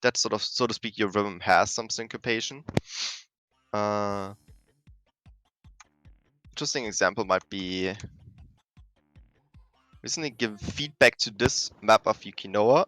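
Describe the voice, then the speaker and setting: A man's voice: lowish voice, unhurried, long pauses, bright, forceful tone, faint music behind, rough recording. A man teaching rhythm game map design in a casual, rambling way, often correcting himself mid-sentence. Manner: rambling, self-correcting, many fillers. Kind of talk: casual explanatory lesson.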